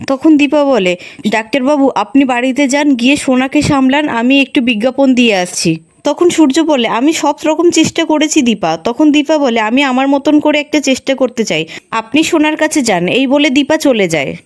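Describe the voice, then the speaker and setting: A high-pitched woman tells the story of a TV serial episode as scripted narration. She reads every character's dialogue in her own steady narrating voice.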